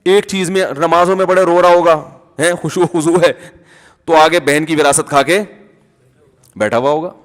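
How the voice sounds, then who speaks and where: Male preacher, higher-pitched, joking and conversational, long hall reverb. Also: fairly even intonation. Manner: conversational preaching with humor and asides. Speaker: religious scholar. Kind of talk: Urdu sermon.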